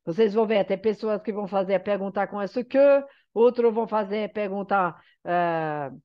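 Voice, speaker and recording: A woman's voice: mid-range voice, moderate pace. A woman who is a teacher giving an online lesson, explaining patiently and often checking that her students follow. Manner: explanatory, checks understanding with frequent "tá?". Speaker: French teacher. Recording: slightly dull lo-fi sound.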